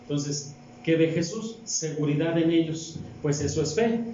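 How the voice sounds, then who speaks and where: A Mexican deacon delivers a sermon, his voice mellow and set a little high. He keeps asking the congregation questions as he reads scripture. The sound is dull and distant, swallowed by the heavy echo of a church hall. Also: unhurried, slight background noise. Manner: asks the congregation rhetorical questions. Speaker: deacon preaching. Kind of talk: sermon with Bible reading.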